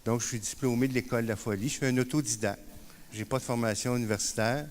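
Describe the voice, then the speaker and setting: A man with a Quebec French accent giving a conference talk, self-deprecating and halting with many fillers. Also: mid-range voice, steady tone, a little hiss or hum. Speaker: conference speaker. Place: conference room.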